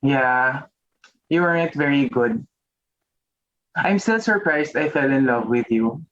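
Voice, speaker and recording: A man's voice: mid-range voice, animated, takes it slowly, fairly bright tone. A man performing an improvised comedy scene on stage in conversational dialogue. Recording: muffled, slightly noisy stage recording.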